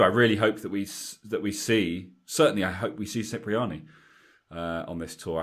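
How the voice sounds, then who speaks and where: A man with a lowish voice talks casually as a podcast co-host. He hesitates and restarts his sentences as he thinks aloud. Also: a bit bright. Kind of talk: casual chat.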